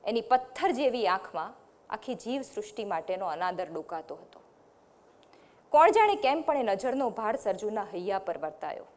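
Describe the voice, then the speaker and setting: A woman novelist giving an expressive reading from her novel and then speaking about it in a conversational way at a public talk. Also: medium pitch, normal speed.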